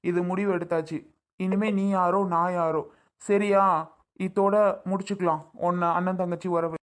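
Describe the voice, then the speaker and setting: A woman's voice: on the low side, steady tone, normal speed, lightly acted. A woman playing a young married man torn between his wife and his sister, who pleads and then accuses in an amateur family drama skit. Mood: firm.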